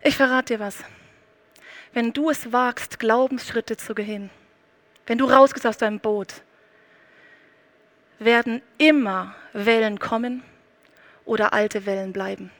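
A woman's voice: a little high, fairly bright tone. A woman preaching a sermon, speaking emphatically and addressing the listener directly.

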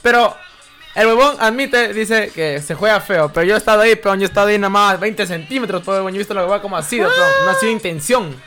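A young man with a Peruvian Spanish accent co-hosts a podcast, his voice a little high as he tells crude, slangy workplace stories and keeps breaking into laughter. Faint music plays behind him. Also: fast talker, pushed and bright. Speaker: podcast co-host. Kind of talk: casual chat.

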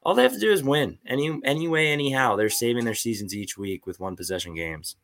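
A man's voice: mid-range voice, animated, fast talker, a bit bright. A man co-hosting a casual college football podcast, talking loosely, laughing often and swearing casually. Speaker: podcast co-host. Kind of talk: casual sports chat.

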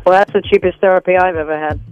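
A man's voice: high voice, steady tone, racing, soft background music, close to an everyday voice. A man playing a fed-up older wife on her fourth marriage, complaining indignantly and rambling on a radio call. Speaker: caller. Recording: dull phone line.

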